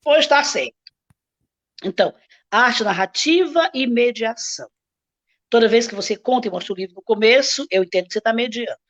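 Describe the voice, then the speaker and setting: A woman teaching storytelling in a live stream, talking in an expressive, playful way and shifting her pace often. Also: a little high, brisk. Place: home room with books.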